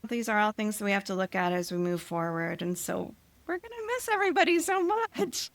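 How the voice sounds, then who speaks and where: A woman's voice: medium pitch, sing-song, fairly quick, dry recording. A woman co-hosting a travel podcast in casual chat, chatty, laughing often and trailing off mid-sentence. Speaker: podcast co-host.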